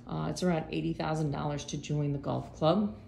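Here a Florida real estate agent strolls room to room through an empty condo, recording on her phone and chatting casually with lots of fillers and an upbeat mood. Her low, gravelly voice has a darkish tone, a steady delivery and a slightly quick pace. The empty space echoes and there's noise behind her.

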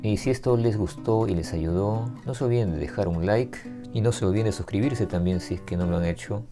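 A man teaching English grammar to learners, explaining patiently step by step and repeating example phrases slowly. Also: lowish voice. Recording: soft guitar music behind.

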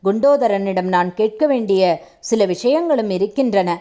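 A stern, proud king speaks in measured, reproachful tones, as a woman narrator reads him. The voice sits at a middle pitch, and the part is delivered as a storybook reading. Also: animated, dark tone, natural voice. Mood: commanding. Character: stern proud male king, weary and wounded.

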